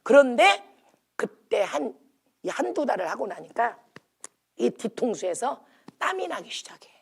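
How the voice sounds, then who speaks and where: Woman preacher, kinda high voice, loud then quiet, bursts into hymns mid sermon. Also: a little slow, gravelly, slightly rough. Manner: emphatic, animated, swings between loud calls and low asides. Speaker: pastor. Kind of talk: sermon with sung hymn lines. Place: prayer retreat chapel.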